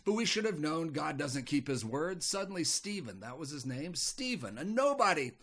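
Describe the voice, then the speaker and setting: A man's voice: on the high side, sing-song, moderate pace, fairly bright tone, slightly rough, exaggerated voice. A man voicing Abaddon, a frantic male demon who stammers and complains in agitation. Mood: aggrieved.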